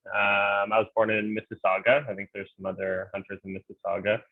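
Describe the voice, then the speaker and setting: A man from Ontario, Canada, co-hosts a casual livestream for a game fan group, speaking easygoingly with lots of fillers. His voice is on the low side, level and brisk, recorded dry and tinny like a phone, with no room sound.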